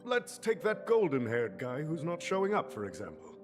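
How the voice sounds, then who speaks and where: A man voicing a shrewd, chuckling very old tycoon in a video game, with a theatrical, deliberate old man's delivery. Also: on the high side, wildly swooping pitch. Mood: sly amusement. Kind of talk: video game story acting. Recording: long reverb, music behind.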